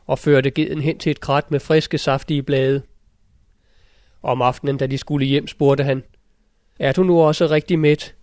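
Male narrator for a fairy-tale audiobook: mid-pitched, steady, very level intonation. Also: no room sound, clean studio sound. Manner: steady, measured storytelling. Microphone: close studio mic.

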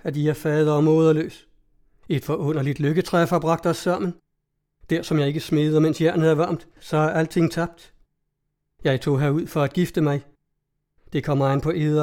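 A man's voice: fairly high pitch, dark tone, lightly acted. A man reading the part of an eager young carpenter turned rich, pleading his case in a storybook.

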